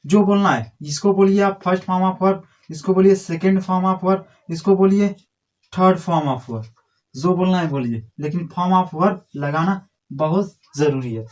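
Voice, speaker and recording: A man's voice: sits high, slow pace, darkish tone. Scolding man teaching a class. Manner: scolding, repetitive drilling, addresses pupils directly. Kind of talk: classroom grammar lesson.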